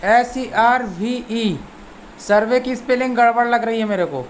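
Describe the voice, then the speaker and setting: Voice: mid-range voice, measured pace. Language lesson teacher, spells words letter by letter, repeats each one, patient, faint hiss in background. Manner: patient and repetitive, often checks in with "theek hai". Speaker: English teacher. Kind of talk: language lesson explained in Hindi.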